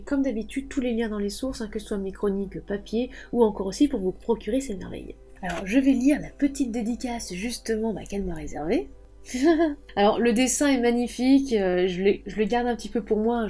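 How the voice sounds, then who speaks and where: A woman's voice: medium pitch, a little fast, mellow, faint music behind. A thirty-year-old woman, a book reviewer, chatting enthusiastically while unboxing parcels. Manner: chatty and enthusiastic, often says "justement" and "effectivement". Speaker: book reviewer and channel host. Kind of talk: casual unboxing chat.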